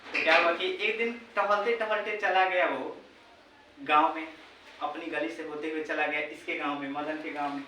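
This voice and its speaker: A man's voice: a little high, fairly even intonation, normal speed, pushed and bright. A male teacher, retelling a story to students in a chatty way, repeating himself and checking in with his listeners. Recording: very echoey room, voice far from mic, faint background noise.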